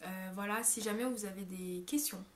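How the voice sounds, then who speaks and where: A woman's voice: medium pitch, moderate pace. A young woman talking to her vlog audience as an au pair, rambling with many hesitations and self-corrections. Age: young adult. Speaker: au pair vlogger. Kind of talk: casual vlog monologue.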